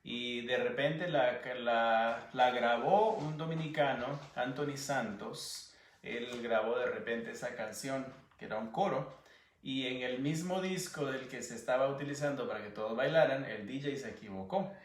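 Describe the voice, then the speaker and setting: A man's voice: medium pitch, moderate pace, echoey room, far from the mic, a little hiss or hum. Earnest Guatemalan man telling his story. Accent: Guatemalan Spanish. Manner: earnest, searching for words, animated when recounting. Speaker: interview guest. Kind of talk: personal testimony.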